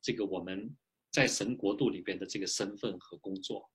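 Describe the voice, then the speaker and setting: A male pastor preaching a sermon in a lively, animated way, pausing often for an interpreter, speaking from a small home office into a webcam. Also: deep voice, breathy edge. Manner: lively preaching with frequent filler particles.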